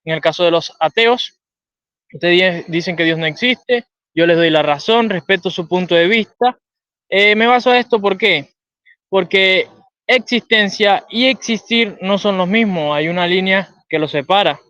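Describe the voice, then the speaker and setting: A man from Venezuela with a Venezuelan accent, a guest calmly explaining a philosophical idea in conversation. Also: high-pitched, normal speed, clean tone, no echo, highs cut off.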